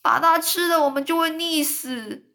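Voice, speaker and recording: A woman's voice: sits high, normal speed, voice pushed up. A woman voicing a gloomy, complaining blind earthworm in a storybook reading, whining and panicky. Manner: whiny, panicky, shouts in protest.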